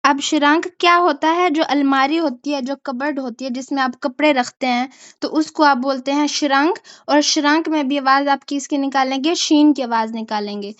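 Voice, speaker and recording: High-voiced woman teaching German sounds. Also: normal speed, no echo, dull audio. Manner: patient, repeats "ठीक है?" to check understanding. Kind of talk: online language lesson.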